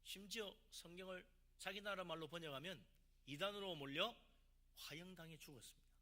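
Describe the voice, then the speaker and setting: Bright, high-voiced man preaching a sermon. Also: fairly quick. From South Korea. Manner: emphatic preaching with rhetorical questions, rising and falling loudness. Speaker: pastor.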